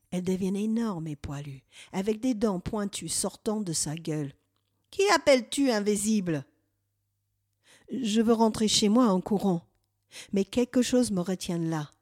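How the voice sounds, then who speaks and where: A woman narrating a first-person guided meditative journey in a slow, hushed voice that sometimes drops to a whisper. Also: medium pitch. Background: faint music.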